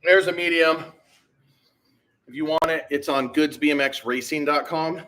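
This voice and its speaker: A man's voice: on the high side, steady tone, normal speed, fairly bright tone. Laid-back slangy man chatting on a livestream. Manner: laid-back, rambling, slangy with many fillers. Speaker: BMX shop owner hosting a livestream. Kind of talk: casual livestream chat, answering viewers.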